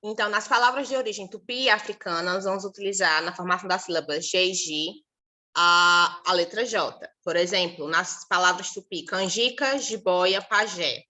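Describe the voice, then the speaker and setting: Bright-voiced woman teacher, drawn-out examples. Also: medium pitch. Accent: Brazilian Portuguese. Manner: explains slowly, repeating syllables and examples aloud. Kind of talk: recorded online class.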